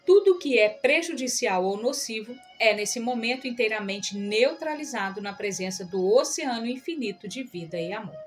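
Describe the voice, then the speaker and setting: A woman reading an audiobook aloud in a calm, measured narration. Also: medium pitch.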